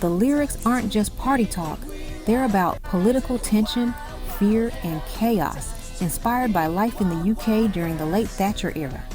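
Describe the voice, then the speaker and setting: A woman with a mid-range voice reads scripted, documentary-style narration for a music countdown at a normal speed. She delivers it in dramatic, punchy short phrases, with music playing behind her.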